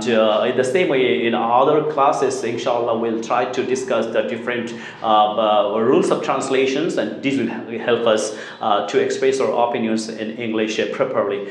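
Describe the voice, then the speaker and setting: A man's voice: mid-range voice, a little hiss or hum. Man teaching English, echoey. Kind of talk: spoken English lesson. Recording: echoey room.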